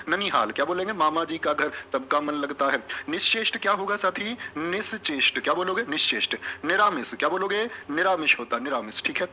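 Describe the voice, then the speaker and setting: A man's voice: sits high, bright, forceful tone, slight background noise. A male teacher giving an exam coaching lesson, drilling students with repeated questions and answers and calling them friends and brothers. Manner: addresses listeners as friends and brothers. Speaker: Hindi teacher.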